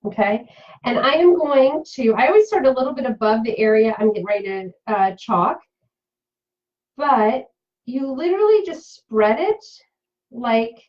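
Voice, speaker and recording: A woman's voice: on the high side, animated, moderate pace, muffled recording. Chatty woman demoing crafts live. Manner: chatty, many fillers, talks to viewers' comments. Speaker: craft demonstrator and seller. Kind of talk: live-streamed craft tutorial.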